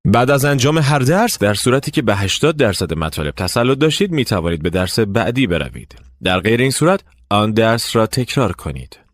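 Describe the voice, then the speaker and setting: A man narrating a language lesson, giving clear step-by-step instructions. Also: on the low side, big pitch swings, hardly any pauses, no room sound. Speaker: language teacher.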